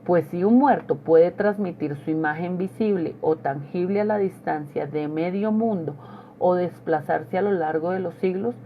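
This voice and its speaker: A woman's voice: on the low side, warm tone. A woman reading a horror story aloud, with careful literary phrasing and occasional stumbles she corrects herself. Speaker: reader. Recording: tinny phone-like sound with faint noise.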